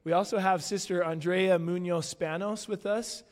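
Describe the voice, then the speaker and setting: Male panel host, slightly higher voice, upbeat intros, reverberant hall. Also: steady tone, moderate pace. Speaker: podcast host introducing guests. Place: conference hall. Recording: long reverb of a large hall.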